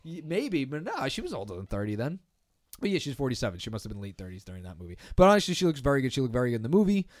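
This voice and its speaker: A man's voice: mid-range voice, huge pitch swings, racing. A man in casual chat about a movie, rambling, swearing and mimicking characters.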